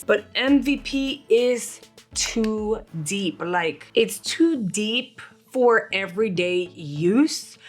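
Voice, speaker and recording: A young woman, a beauty vlogger, chatting casually through a subscription box review at home while slightly under the weather, dropping in Spanish words. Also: mid-range voice.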